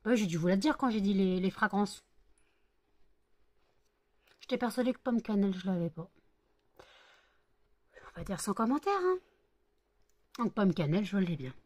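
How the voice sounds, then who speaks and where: A woman talks casually to her vlog viewers, tired after working through the night. She rambles and circles back over the same points. Her pitch sits in an ordinary middle range for a woman. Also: animated, unhurried, pauses often, a little mellow. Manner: rambling, chatty, repeats herself. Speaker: vlogger making scented wax melts.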